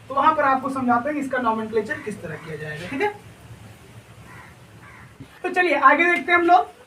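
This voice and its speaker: A man's voice: very high voice, sharp tone, a little hiss or hum. A male chemistry teacher giving a classroom lecture. He keeps asking his students questions and answering them himself, often checking that the class is following. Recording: echoey room, voice far from mic.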